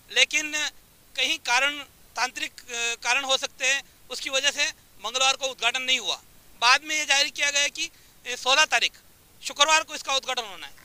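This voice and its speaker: A middle-aged male local reporter speaks outdoors by the sea into a handheld mic. His voice sits high and bright, and it carries a clean, ringing clarity. He reads through figures and details steadily, with small filler pauses between phrases. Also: smooth, rough recording. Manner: steady informative delivery with frequent fillers. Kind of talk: on-location news report.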